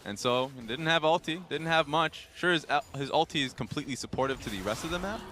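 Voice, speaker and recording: A man's voice: a little high, fast, sharp tone, slight background noise. A man doing color commentary on a live esports match, analytical and explaining plays at length.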